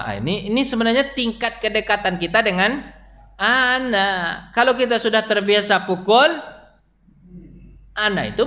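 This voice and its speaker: A middle-aged man preaching at a mosque study session, telling stories and putting questions to his audience. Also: sits high. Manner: animated storytelling, asks the audience questions.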